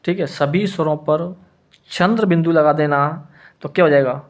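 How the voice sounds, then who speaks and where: A man's voice: fairly high pitch, normal speed. A man teaching a Hindi grammar lesson who keeps repeating his points and answers his own questions. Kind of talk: classroom lesson explanation.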